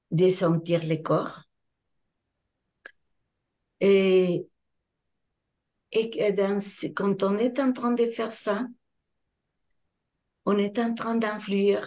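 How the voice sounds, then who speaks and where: Older Mexican woman, French as a second language, slow and mellow, a hypnotherapist being interviewed. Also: lowish voice. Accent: Mexican Spanish. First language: Spanish. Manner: thoughtful, searching for words in French. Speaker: hypnotherapist and trainer. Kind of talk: interview answers.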